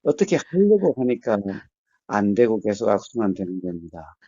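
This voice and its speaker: A man speaks slowly and steadily as a meditation teacher, answering a caller with patient explanations. His voice is mellow and lively in pitch. The sound is dry and dull, like a muffled call. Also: breathy edge, no echo. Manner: calm, measured, often murmurs short assents. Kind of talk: phone counseling talk.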